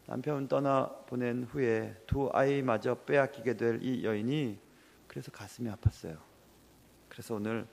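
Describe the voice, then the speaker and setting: A man's voice: mid-range voice, vocal fry, a little mellow, big-room sound. A man preaching a sermon as pastor, earnest and emotional.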